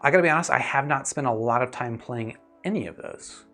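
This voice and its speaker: A gear reviewer and host answers viewers in an easygoing livestream, chatting and thinking out loud. His medium-pitched voice is fairly bright and brisk, and faint music can be heard behind him.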